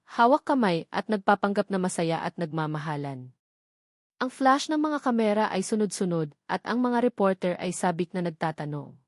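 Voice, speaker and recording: The narrator of this scripted dramatic story is a Filipino-accented woman whose medium-pitched voice is a little mellow. There's no room sound, and the studio audio is clean.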